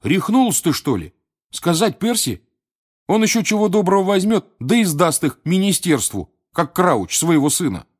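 A man voicing an excitable teenage schoolboy wizard in an audiobook, blunt and agitated, pitched well above his own voice. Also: a little fast. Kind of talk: audiobook character voice.

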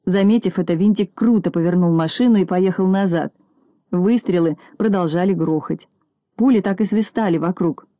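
A woman narrating a children's storybook in a lively, expressive reading style. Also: lowish voice, normal speed, no echo.

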